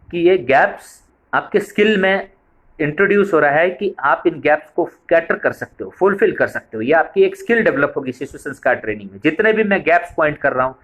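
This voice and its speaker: A man's voice: fairly high pitch, fairly bright tone. A man giving a training lecture on a preschool method, explaining step by step and repeating points for emphasis.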